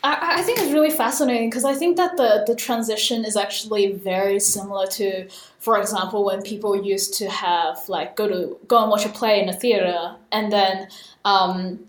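A woman's voice: medium pitch, fairly even intonation, moderate pace, reverberant. A young woman raised in Australia and Hong Kong, talking thoughtfully as an interview guest, with many fillers. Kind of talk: casual interview conversation.

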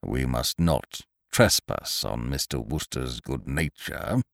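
A man voicing a stern, pompous older gentleman who speaks slowly and formally. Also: rumbling low, expressive, vocal fry, no room sound, clean studio sound, voice pushed down, heavily acted. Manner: slow, ponderous, formal. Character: stern pompous older male nerve doctor.

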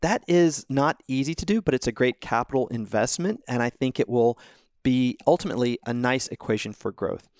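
A man walks through a stock pick in an easygoing, conversational way, with a quick laugh now and then. His voice sits at a middle pitch, recorded close and dry. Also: expressive, darkish tone, no echo. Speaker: podcast co-host. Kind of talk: casual investing analysis.

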